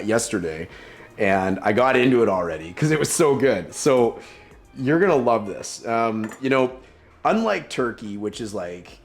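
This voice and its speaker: Chatty man with a low voice. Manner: rambling, enthusiastic, lots of fillers. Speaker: home cook. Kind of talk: casual cooking demo.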